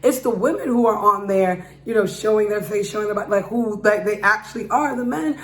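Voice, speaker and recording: A woman's voice: mid-range voice, a little fast. A woman with a slightly harsh, raised voice gives a casual, slangy opinion monologue to viewers, putting rhetorical questions to them. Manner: speaking loudly to be heard. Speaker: vlogger giving opinion. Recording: roomy echo with background hum.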